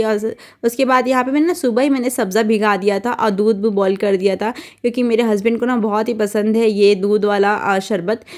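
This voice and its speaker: A young adult woman, a mother, narrating her daily routine in a casual, chatty voice-over with many fillers and restarts. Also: a little high. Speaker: vlogger and mother.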